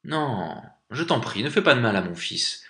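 A man's voice: fairly low pitch, animated, normal speed, bright, forceful tone, voice pushed up. A man voicing a big, fatherly fish in a fairy tale who asks for mercy and offers help. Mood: pleading. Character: big fatherly fish, pleading then helpful.

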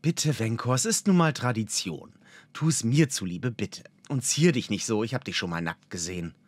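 A man reading an audiobook, voicing a gentle, protective pregnant female elf with a raised, soothing voice. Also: mid-range voice, expressive, moderate pace, no room sound, lightly acted. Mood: teasing. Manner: soothing, then urgent and pleading. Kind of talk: audiobook character voice.

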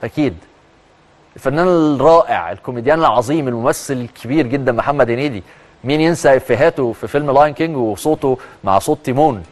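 A man's voice: mid-range voice, fast talker, faint music behind. A man with an Egyptian accent presenting a social media news segment, chatty and emphatic as he comments on the stories. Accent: Egyptian Arabic. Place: TV studio.

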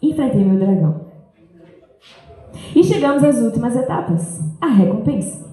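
Young woman speaker, dark mellow tone, earnest and reflective, handheld mic in a big echoey school hall. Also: on the high side, animated, normal speed. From Brazil and France. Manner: earnest, reflective, reads from paper. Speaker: speaker giving a school talk. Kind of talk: reading a personal talk aloud. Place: large school hall, indoors.

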